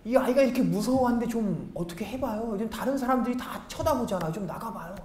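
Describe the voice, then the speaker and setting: A man's voice: extremely high pitch, expressive, fast, a little mellow, a little hiss or hum. A man quoting a concerned lifeguard who urges him to leave the water, in an echoey church. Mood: insistent. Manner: pushy, urging. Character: concerned adult lifeguard at a pool.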